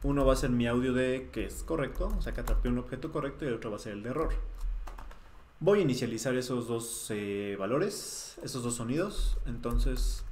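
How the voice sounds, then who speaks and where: A young man records a programming lesson from his desk, walking through his code step by step in a relaxed, thinking-aloud way. His voice sits at an ordinary pitch and rings a little in a bare, echoey room, with a faint hiss and keyboard clatter under it. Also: a little fast. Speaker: programming tutor. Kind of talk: screen-recorded coding tutorial. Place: small room at a desk, webcam. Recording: roomy echo, faint noise.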